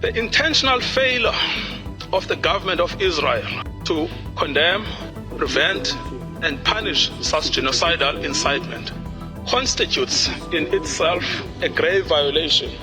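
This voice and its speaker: A man presenting a formal legal argument in court, solemn and measured. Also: fairly high pitch, expressive. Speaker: lawyer addressing a court. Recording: music bed under the voice.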